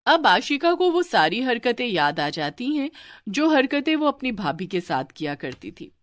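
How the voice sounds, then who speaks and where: Female storybook narrator, steady and even, dry studio read. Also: a little high, normal speed, no room sound.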